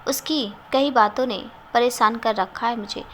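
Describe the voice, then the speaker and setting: A moody, troubled young man from a storybook, read out by a woman. He talks in a hesitant, brooding way, his voice pitched fairly high, with a faint hiss behind it. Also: a little slow, natural voice.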